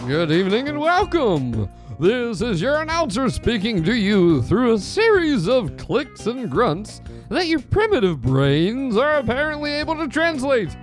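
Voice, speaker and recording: A man, the podcast host, voicing a theatrical old-time radio show announcer with a nasal voice and drawn-out showman delivery. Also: very high voice, very animated, soft background music, voice pushed up, exaggerated voice. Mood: showy, spooky.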